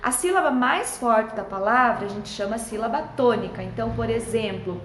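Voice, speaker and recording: A woman's voice: on the high side, normal speed, a little hiss or hum. A woman teacher, patiently explaining schoolbook exercises to children in a friendly way and checking in often. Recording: echoey room.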